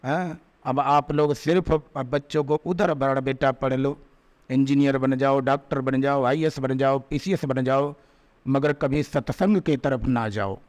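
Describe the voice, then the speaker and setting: A man giving a devotional sermon, telling a story and slowing down to recite verses, with emphatic rising peaks. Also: medium pitch, fairly even intonation, darkish tone. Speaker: spiritual preacher. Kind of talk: Hindi devotional discourse with storytelling.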